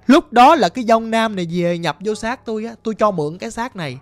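A woman voicing a calm male shaman giving careful instructions before a spirit ritual. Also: on the high side, no room sound, close to an everyday voice. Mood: instructing. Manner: steady, deliberate instructing. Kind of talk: ghost story narration.

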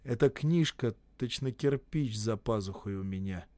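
A man narrating literary prose in a measured, dramatic storytelling way. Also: medium pitch, dark tone, no echo. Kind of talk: audiobook reading of literary prose.

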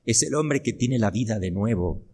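A man's voice: on the low side, lively intonation, moderate pace, dark tone, breathy edge. An older man from Argentina, a priest delivering a homily, building emphasis with rhetorical questions.

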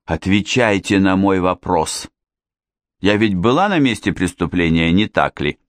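A man's voice: low voice, lively intonation, measured pace, no echo, clean studio sound. A man voicing a theatrical young woman who insists and pleads in a melodramatic way. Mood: insistent.

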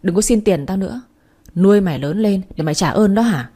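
A woman voicing a harsh, overbearing father who shouts and scolds, in a spoken story. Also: mid-range voice, animated, fairly quick, breathy edge. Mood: angry. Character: harsh domineering middle-aged father.

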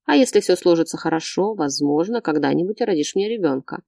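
A woman's voice: on the low side, animated, a little fast, vocal fry, mellow, dry recording, studio quality. Woman voicing a cold domineering man. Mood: menacing. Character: domineering controlling man, young adult, cold and threatening.

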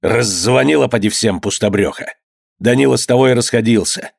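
A man reading an audiobook, voicing a wrathful, domineering old merchant who shouts and scolds in old-fashioned speech. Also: mid-range voice, moderate pace, creaky, husky, no echo, studio quality. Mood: furious.

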